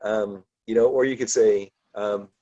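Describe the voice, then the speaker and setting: A man leads a relaxed book discussion class in a fairly low voice. He rambles, circling back with ums and false starts. The sound is dull and lo-fi. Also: measured pace, slight background noise. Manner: loose, rambling, many ums and restarts. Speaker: class teacher.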